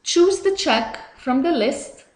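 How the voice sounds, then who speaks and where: In a roomy, echoey recording, a woman with a fairly high voice walks through a software tutorial slowly, one step at a time. She speaks in a measured, instructional way, with lively intonation.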